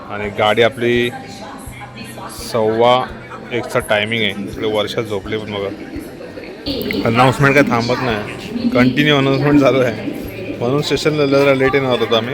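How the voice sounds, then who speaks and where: A man's voice: medium pitch, level tone, moderate pace. A man giving casual, conversational travel vlog narration. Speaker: travel vlogger. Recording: loud music, vehicle and outdoor noise.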